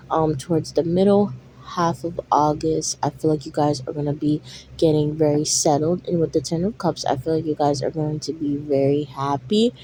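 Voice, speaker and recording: Sleepy low-voiced woman reading tarot. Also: mellow, a little hiss or hum, poor audio. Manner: drowsy and yawning, with many ums and likes. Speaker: tarot reader.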